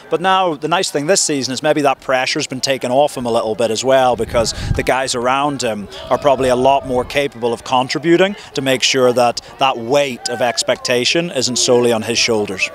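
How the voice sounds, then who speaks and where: A football head coach in his thirties, with a mid-range voice, gives a measured, reflective post-match press interview, often leaning on "you know" and "look." He stands outdoors at a stadium before a sponsor backdrop, several handheld reporter mics held close, with slight background noise.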